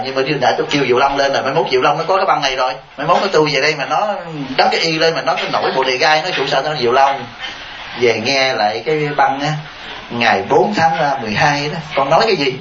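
A man's voice: medium pitch, quick pace, crowd noise. A man, a Buddhist monk giving a dharma talk and answering questions, telling stories with chuckling asides and rhetorical checks on his listeners. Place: temple hall with listeners. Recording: echoey, dull lo-fi hall recording with faint hiss.

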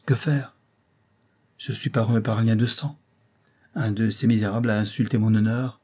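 A man's voice: lowish voice, fairly even intonation, normal speed, dark tone, slightly rough. A man voicing a passionate, desperate young nobleman in a story reading, pleading in a raised voice. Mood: fervent.

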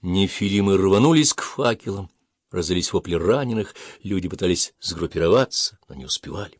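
A man with a low voice reads a fantasy audiobook in a steady, even way. The sound is close and dry, with no room around it. He keeps an unhurried storyteller's pace. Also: no echo. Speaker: audiobook narrator. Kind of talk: scripted fantasy narration.

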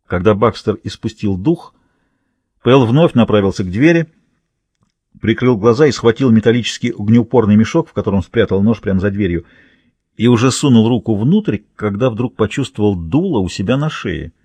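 A male audiobook narrator reads a thriller in a steady, measured way. His voice is husky at a mid pitch, recorded dry and close with no room sound. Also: no room sound.

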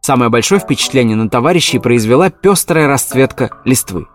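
A man reads a children's storybook aloud in a mid-pitched voice, calm and measured from line to line. Faint music sits quietly underneath the narration. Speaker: audiobook narrator.

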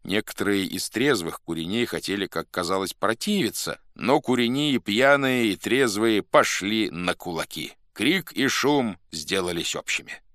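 A man narrating a classic story in an expressive, theatrical reading. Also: lowish voice, normal speed, hardly any pauses, no echo, clean studio sound. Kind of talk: scripted audiobook narration.

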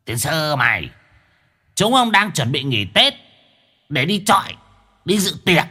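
A man voicing a rowdy male demon guard of the underworld, gruff and blustering. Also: a little high, sing-song, measured pace, pushed and bright, voice pushed up, full character voice. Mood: grumbling.

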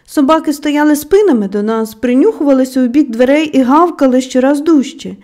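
This female audiobook narrator has a high-sitting voice and lively intonation. Her storytelling is measured, and she lets phrase endings drop gently.

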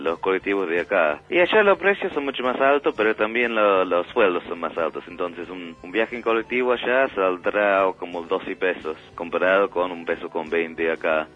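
Male interviewee, very deep voice, halting, lo-fi clip. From England. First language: English. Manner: halting, repeats words.

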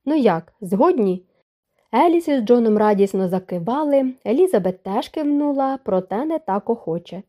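A woman reading an audiobook of a romance novel in an even, measured narration. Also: fairly high pitch.

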